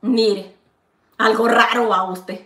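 A woman's voice: fairly high pitch, fairly even intonation, slow, bright, forceful tone, roomy sound, far from the mic. A woman from El Salvador with a Salvadoran Spanish accent, chatting playfully to viewers while cooking in her home kitchen. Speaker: vlogger. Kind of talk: casual cooking vlog chat.

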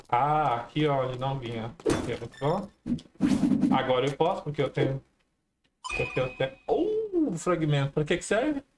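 A man's voice: a little high, slight background noise. A man casually commenting on his own gameplay, chatting to viewers with frequent exclamations. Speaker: gameplay streamer. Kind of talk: casual let's-play commentary.

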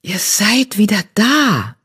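A woman voicing a tender mother cat in an audiobook, speaking softly with a wondering tone. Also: lowish voice, lively intonation, normal speed.

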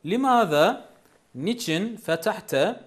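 Male teacher, patient and repetitive, voice a touch high. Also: lively intonation, takes it slowly. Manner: patient, repeats each phrase and asks questions. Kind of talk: language lesson.

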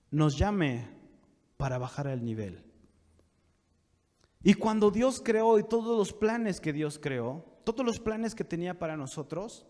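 A man preaching a sermon to young people, building from calm talk to fervent shouting. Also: on the high side. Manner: preaching with rising fervor, shouting at peaks. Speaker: pastor. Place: church sanctuary. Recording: long church reverb.

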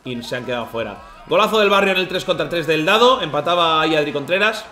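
A man recapping football matches as excited commentary, emotional and shouting at misses. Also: a little high, quick pace, reverberant. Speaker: team president and streamer recapping matches.

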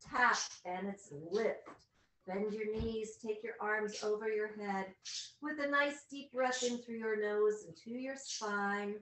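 A woman's voice: medium pitch, unhurried, fairly bright tone. A woman leading an exercise class in short, directive coaching cues and counts while working out on the mat herself. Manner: physically exerting while talking, lying on mat. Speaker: fitness instructor. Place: large wood-panelled living room. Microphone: far camera on a video call. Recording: echoey living room, distant video-call mic.

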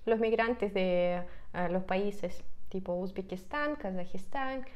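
A woman's voice: medium pitch, slow pace, lo-fi sound. A young Russian woman in her twenties, a native Russian speaker, vlogging casually and thinking aloud as she reads from her laptop, with many fillers and restarts. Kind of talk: casual reaction vlog. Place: home room with a piano, indoors. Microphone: clip-on lapel mic.

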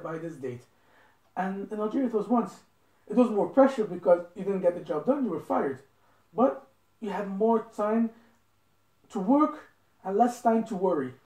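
A young man from Belgium talks through a casual interview, earnest and repeating himself for emphasis. His voice sits high and mellow. It is caught by a phone across a living room, so it sounds roomy and distant. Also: normal speed. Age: 20s. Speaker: interview guest. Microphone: phone camera across a table.

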